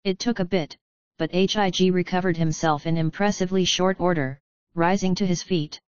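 Woman audiobook narrator, smooth voice, kinda muffled lo-fi sound. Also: lowish voice, fairly even intonation, normal speed, no room sound. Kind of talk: scripted narration. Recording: slightly muffled close recording.

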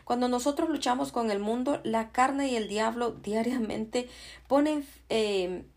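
A woman preaching a Bible lesson, pausing with many "eh" fillers and checking in with "¿sí?" as she quotes verses. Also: fairly high pitch, darkish tone. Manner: unhurried, many "eh" fillers and tag "¿sí?"; quotes and cites scripture verses. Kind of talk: Bible teaching.

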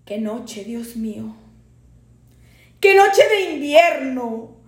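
Slow, solemn woman reciting a poem. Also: high voice, very animated. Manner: solemn, theatrical declamation. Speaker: poetry reciter. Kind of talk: dramatic poetry recitation. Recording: roomy echo.

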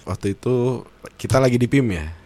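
A man's voice: mid-range voice, lively intonation, moderate pace, darkish tone. A young man, teasing a friend in casual slangy chat. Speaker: friend of the storyteller.

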